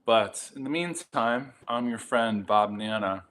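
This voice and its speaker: A man's voice: medium pitch, unhurried, fairly bright tone. A tired, jet-lagged middle-aged man chatting casually to camera about his vinyl purchases, rambling with many ums and restarts.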